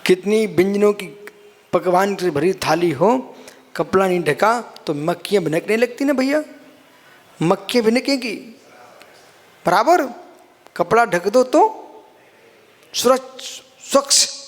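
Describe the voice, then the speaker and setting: A man's voice: high voice, animated, slow, pauses often, big-room sound. A man, a Jain monk, giving a sermon, explaining scripture line by line and calling his listeners son and brother.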